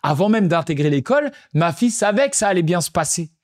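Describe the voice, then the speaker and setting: Slightly high-voiced reflective man. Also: sing-song, quick pace. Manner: reflective, repeats phrases for emphasis. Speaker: podcast host and father. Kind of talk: casual storytelling monologue.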